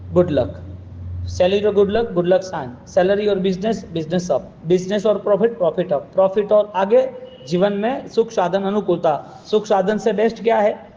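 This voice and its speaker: Man, preacher, high voice, rhetorical questions, long echo, dull sound. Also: dark tone. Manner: questioning, repetitive, storytelling delivery. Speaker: Jain preacher. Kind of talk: sermon.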